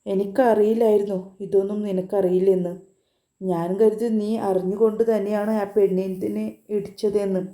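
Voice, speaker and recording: A woman's voice: medium pitch, little pitch movement, moderate pace, warm tone, natural voice. A woman voicing sly, goading young men. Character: sly young male troublemaking friends. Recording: roomy echo.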